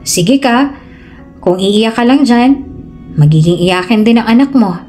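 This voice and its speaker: A woman voicing a caring young man who comforts a crying friend, teasing her gently in a storybook tale. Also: on the high side, lively intonation, a little slow, soft background music. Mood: gently scolding.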